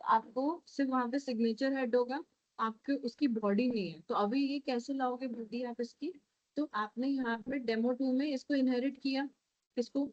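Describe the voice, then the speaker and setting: A woman's voice: high-pitched, fairly even intonation, normal speed, no room sound, highs cut off. A woman with an Indian accent, teaching a programming class while coding live and checking often that her students follow. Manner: switches between Hindi and English, coaxing with frequent checks.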